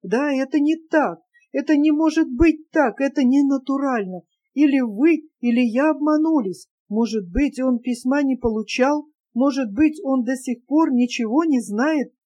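A woman's voice: sits high, unhurried, few pauses, dark tone. A woman reading the lines of a heartbroken young woman, pleading and tearful in her questions. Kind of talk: audiobook character reading.

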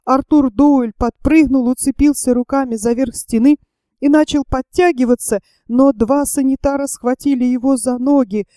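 A woman reads a novel aloud in a steady, measured audiobook style. Her voice sits a little high, yet it sounds dark and mellow. The recording is close and dry. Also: dry recording. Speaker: narrator.

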